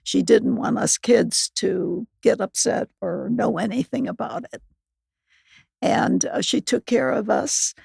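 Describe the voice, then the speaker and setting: A very old woman in her nineties with a gravelly, husky voice, talking haltingly and plainly as an interview guest. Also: mid-range voice, darkish tone, no echo. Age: 90s. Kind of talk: reminiscing in conversation.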